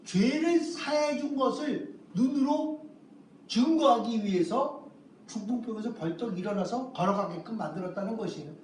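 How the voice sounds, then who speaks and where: A man's voice: very high-pitched, moderate pace, a little mellow, slight background noise. A male pastor preaching a sermon, asking rhetorical questions and answering them himself, stretching out key phrases for emphasis. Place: church sanctuary. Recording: roomy, distant mic with faint ambience.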